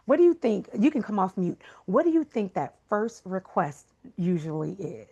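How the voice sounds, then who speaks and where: A woman voice coach giving a webinar talk over a video call, emphatic and expressive, sometimes dropping into a soft whisper for emphasis. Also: medium pitch, moderate pace, breathy edge, lo-fi sound. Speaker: voice coach and guest speaker. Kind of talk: webinar presentation.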